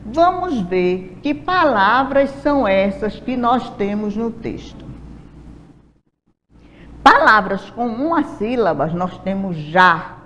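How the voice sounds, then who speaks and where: Brazilian woman teacher, slow and patient, dull lo-fi track in a reverberant room. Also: mid-range voice. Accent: Brazilian Portuguese. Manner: slow, patient, asks rhetorical questions. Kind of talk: recorded classroom lesson.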